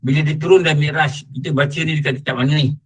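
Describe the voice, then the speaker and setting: A middle-aged man with a Malaysian Malay accent giving an online religious lecture, chanting verses slowly and then explaining them in a casual teaching tone. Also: a little high, steady tone, a bit bright, poor audio.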